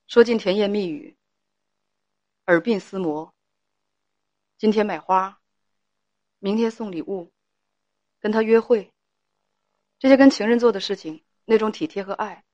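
A woman's voice: medium pitch, measured pace, pauses often, a little mellow, dry recording, muffled recording. A woman advice host scolds her caller with one pointed question after another. Her voice sits mid-range and the recording is close and dry, with no room sound around her. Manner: scolding, emphatic, lecturing with rhetorical questions. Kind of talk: call-in advice talk.

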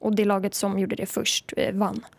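En ung kvinna som gäst i en podd, som berättar livligt i lättsamt samtal och härmar andra. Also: female voice, mid-range voice, gravelly, breathy edge. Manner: lively anecdote telling, acting out what others said. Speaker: podcast guest, footballer. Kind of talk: casual chat.

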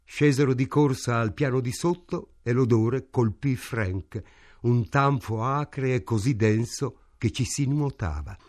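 A male narrator reads a literary novel with slow, deliberate pacing. His mid-pitched voice sits close to the mic in a dry studio. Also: darkish tone, dry recording. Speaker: audiobook narrator. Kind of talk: literary audiobook reading. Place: radio studio.

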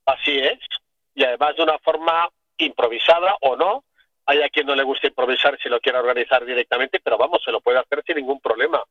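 A man's voice: medium pitch, brisk, no echo. A man from Catalonia, a finance professional calling into a radio show, talking enthusiastically and at length. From Catalonia, Spain. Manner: enthusiastic, expansive, repeats praise. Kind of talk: casual radio chat. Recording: dull dry phone line.

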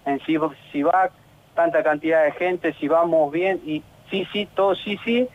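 Argentine footballer, male, halting and frustrated, phone-line sound on radio. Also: on the high side, a little hiss or hum. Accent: Argentine Spanish. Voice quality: halting, many restarts and fillers. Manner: earnest, frustrated. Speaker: professional footballer. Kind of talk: radio interview.

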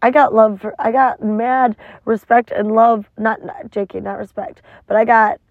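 A woman's voice: a little high, little pitch movement, normal speed, dry recording. A woman talking in a casual, rambling, emotional confessional monologue with frequent swearing, recorded inside a parked car. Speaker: vlogger. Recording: tinny phone-like sound.

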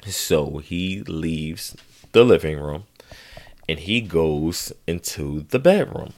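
A man's voice: rumbling low, takes it slowly. A man hosting a podcast, telling a funny story casually and laughing as he goes. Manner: animated, laughing storyteller with voiced quotes. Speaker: podcast host.

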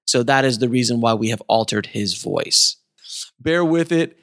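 A man's voice: mid-range voice, animated, moderate pace, fairly bright tone, no room sound, studio quality. A man hosting a podcast and talking casually about his book, in an effusive, emphatic way. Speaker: podcast host and author.

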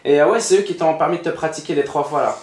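A man hosting a podcast, chatting casually and quickly, slangy and excitable as he questions his guest. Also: on the high side. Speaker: podcast host. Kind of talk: casual chat. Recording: echoey room.

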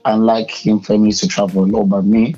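Hesitant Ugandan man, low husky voice. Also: little pitch movement, fairly quick, mellow, dull audio, soft background music. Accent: Ugandan English. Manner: hesitant, many filler sounds. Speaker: guest, media personality and public speaker. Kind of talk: casual interview.

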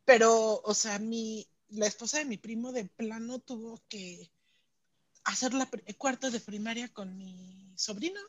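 A woman's voice: fairly high pitch, a little slow. A woman with a Mexican Spanish accent, telling stories in casual slangy chat. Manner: animated storytelling with slang.

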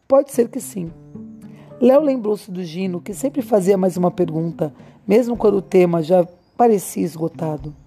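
A woman reads a novel aloud in slow, measured scripted narration. Her voice is dark and mellow, and soft music plays faintly underneath. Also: on the low side. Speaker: audiobook narrator.

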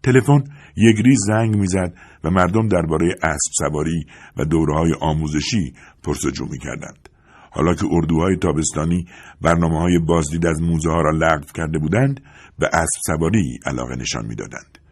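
A man narrating a literary audiobook in a calm, even storytelling manner. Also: very deep voice.

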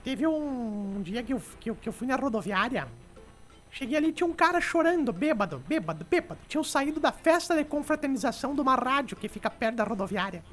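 A sharp-tongued old lady, acted by a woman who talks in a high, piercing voice. She tells jokes with bossy, mocking timing on a radio comedy show. Faint music plays underneath. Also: expressive, fast talker. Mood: teasing. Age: older. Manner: teasing, bossy storytelling. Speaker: comic radio show regular.

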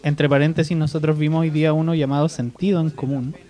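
A man's voice: on the high side, level tone, fast, mellow. A man with a Chilean accent, co-hosting a casual podcast and speaking in a reflective, conversational way. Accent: Chilean Spanish. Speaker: podcast co-host. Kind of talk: casual chat. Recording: faint music behind.

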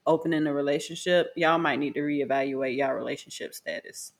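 A woman's voice: deep voice, a little fast. A young woman co-hosting a podcast, giving frank, laid-back relationship advice with lots of fillers. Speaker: podcast co-host. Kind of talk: casual podcast chat. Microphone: video call.

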